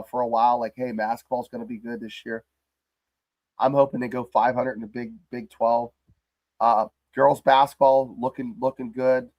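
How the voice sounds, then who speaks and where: A man hosting a casual live sports chat show, his voice hoarse and crackly from the flu, talking in a rambling, jokey way. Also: mid-range voice, darkish tone, dry recording. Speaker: host.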